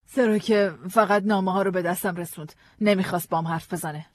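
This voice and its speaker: A woman's voice: mid-range voice, fairly even intonation, dry recording, lightly acted. Woman reading a scared wife, hesitant, stammering, pleading, dry close sound. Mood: anxious. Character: frightened, guarded woman, wife of an arrested man. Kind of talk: audiobook drama reading.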